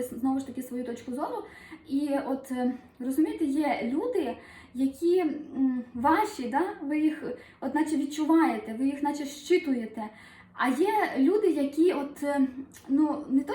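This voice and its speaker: Ukrainian woman rambling self-help talk, high mellow voice, lots of fillers, echoey room. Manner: chatty, lively, many fillers and acted-out asides. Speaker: numerologist and self-help vlogger. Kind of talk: casual motivational monologue.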